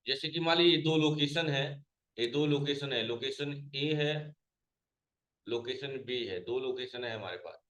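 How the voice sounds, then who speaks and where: A man's voice: mid-range voice, unhurried, fairly bright tone, roomy sound, low-quality recording. A man teaching a computer class, asking his students questions and then answering them himself, repeating each key point. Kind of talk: classroom lesson.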